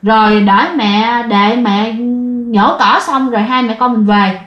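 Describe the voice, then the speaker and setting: A woman's voice: on the high side, steady tone, measured pace, muffled recording, lightly acted. A woman voicing a young mother who scolds her frightened son. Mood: impatient. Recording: roomy echo.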